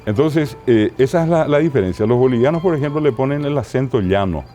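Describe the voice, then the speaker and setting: A man with a Paraguayan Spanish accent, a linguist guest explaining place names in an interview, didactic and slow on each word. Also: mid-range voice, animated, mellow, soft background music.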